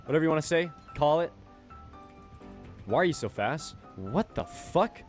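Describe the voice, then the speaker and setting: A man's voice: fairly high pitch, sing-song, normal speed, soft background music. A young man giving crude, self-mocking commentary over a video game while losing his voice. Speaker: gaming YouTuber. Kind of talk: casual gameplay commentary.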